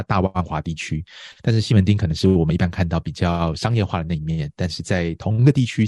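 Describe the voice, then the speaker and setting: Deep-voiced man hosting a reflective interview. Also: mellow, no echo. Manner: measured, explanatory, frequent affirming murmurs. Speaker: interviewer, host.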